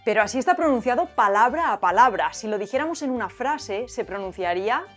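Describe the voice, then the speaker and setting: A woman, explaining language points clearly in an educational video with playful asides. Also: a little high, expressive, brisk, fairly bright tone, soft background music.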